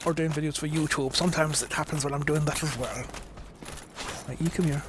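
A man's voice: on the high side, fairly even intonation, fairly quick, noisy background. A middle-aged man streaming a game, chatting casually, mocking himself, swearing, and crying out in alarm when things go wrong. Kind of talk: casual gameplay commentary. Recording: game music loud behind the voice. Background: game music.

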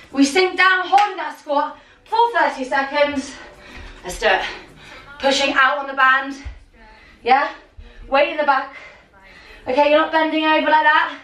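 Bright, high-pitched young woman coaching a workout. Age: young adult. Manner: urgent, commanding, motivating gym-coach calls in short bursts. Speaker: fitness coach leading a home workout. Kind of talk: workout instruction with countdowns and cheering on. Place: small home living and dining room. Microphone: camera a few metres away. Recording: roomy, distant mic, music underneath.

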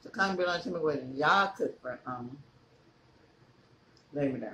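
A woman's voice: sits low, fairly bright tone, a little hiss or hum, low-quality recording. An older woman chatting casually to her viewers while eating, talking through a mouthful of food as she chews. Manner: slow, chatty, laughing, addresses viewers as y'all. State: mouth full, chewing. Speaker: mukbang vlogger.

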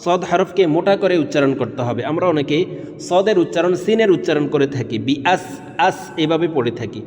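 A man's voice: on the high side, lively intonation, quick pace, darkish tone, long reverb tail. A man teaching Quran recitation, who spells out Arabic letters syllable by syllable and then chants the verse melodically.

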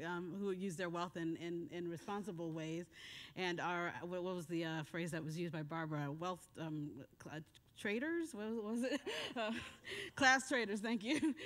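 A woman giving a conference talk with slides in a hotel meeting room, rushing through her points and laughing at herself often. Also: fairly low pitch, a bit bright. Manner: hurried, self-deprecating, laughs often. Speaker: conference speaker.

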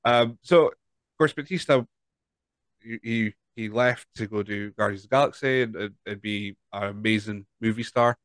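A man's voice: on the low side, moderate pace, fairly bright tone, no echo. A Scottish man in his thirties hosting a podcast interview over a video call, chatty and stumbling over repeated words. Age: 30s. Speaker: podcast host. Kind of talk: casual interview chat. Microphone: large studio mic with headphones.

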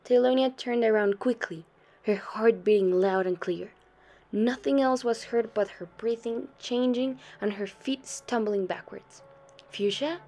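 A young adult woman, a student reader, reads a short story aloud at a measured pace in a steady storytelling style. Her voice sits a little high and softens for the quoted lines.

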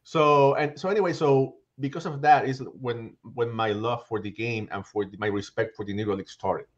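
A man's voice: medium pitch, moderate pace, highs cut off. A middle-aged man with a Puerto Rican accent, a guest baseball writer talking animatedly over a headset on a video call. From Puerto Rico. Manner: animated, restarts phrases often. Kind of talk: casual video-call interview. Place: small home room with shelves.

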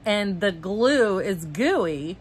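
A woman's voice: medium pitch, animated, drawn-out words, slightly rough. A middle-aged woman with loose, clicking dentures, chatting candidly to camera at home with a finger on her lips. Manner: chatty, candid, self-deprecating. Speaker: vlogger. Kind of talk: casual chat to camera. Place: home, indoors, dim lighting.

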